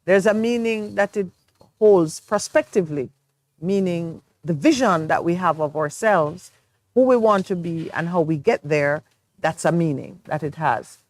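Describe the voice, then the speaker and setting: On a morning talk show, a woman from Jamaica co-hosts and reflects earnestly on her views as part of a studio discussion. She speaks on the low side, a little slowly and a little mellow, with no echo.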